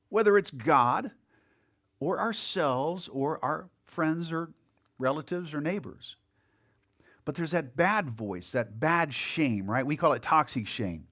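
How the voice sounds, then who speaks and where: A man's voice: a little high, a bit bright. A male pastor preaching a conversational sermon in a church, with casual asides to the congregation. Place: church sanctuary. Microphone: handheld or headset mic.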